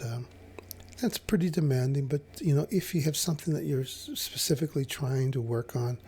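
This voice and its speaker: A man explaining fasting over slides in a casual, hesitant way, with many fillers and restarts. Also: medium pitch, vocal fry, mellow, a little hiss or hum. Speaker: health educator.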